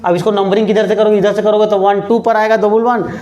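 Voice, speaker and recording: Male chemistry teacher, high voice, lectures in an echoey classroom, asks and answers his own questions. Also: level tone, darkish tone. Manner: asks questions and answers them himself, repeats key terms; slows down while writing on the board. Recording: echoey room.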